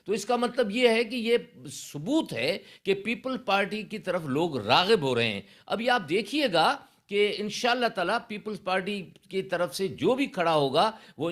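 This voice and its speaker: Man, fairly high voice, election candidate, assured, persuasive answers. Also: fairly bright tone. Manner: assured, persuasive, speaks plainly. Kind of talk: interview answers.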